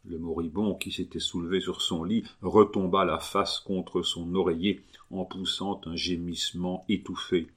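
A man reading a novel aloud in an even, unhurried way. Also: low-pitched. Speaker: audiobook reader. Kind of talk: audiobook narration.

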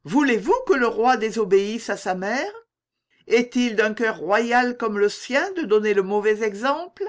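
Une lectrice qui fait une jeune femme douce et sérieuse, dans un roman lu à voix haute. La voix est haute et expressive, pleine de retenue tendre. Le rythme est lent et soigné. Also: female voice, fairly high pitch, slow, voice pushed up. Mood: earnest. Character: gentle, reasonable young woman.

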